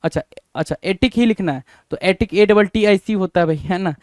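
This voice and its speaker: Man spelling words aloud, crisp voice. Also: high voice, brisk, darkish tone, no room sound. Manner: repeats questions to students and answers them. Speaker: teacher. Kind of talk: spelling lesson.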